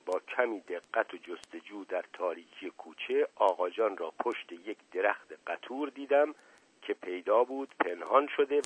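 A man narrating an audiobook with measured storytelling. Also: lowish voice, breathy edge. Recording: dry, slightly dull audio.

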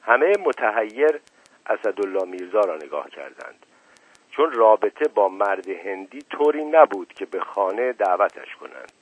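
A man reading a novel aloud on a radio program in a measured, expressive storytelling voice. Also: lowish voice, husky, dry recording. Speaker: radio book reader. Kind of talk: literary audiobook reading. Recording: dull lo-fi radio recording.

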